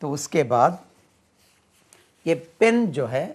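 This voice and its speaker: A man's voice: on the high side, sing-song, darkish tone. A man with a Pakistani accent teaching English vocabulary, repeating each word again and again for pronunciation. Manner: slow, repeats words many times for pronunciation drill. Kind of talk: bilingual vocabulary lesson.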